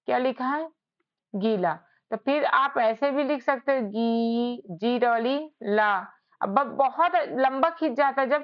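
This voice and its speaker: A woman's voice: on the high side, clear, resonant tone, highs cut off. A woman teaching spelling in a patient lesson, repeating each point and asking questions back to her students. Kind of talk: whiteboard lesson.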